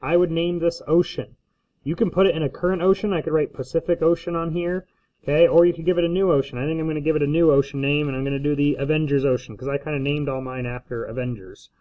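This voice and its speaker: A male teacher gives a casual, step-by-step screencast lesson at a desk. His voice sits a little high, and he keeps checking in with short questioning tags. The recording is slightly dull and lo-fi. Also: steady tone, quick pace. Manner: checks in often with "okay?". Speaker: school teacher.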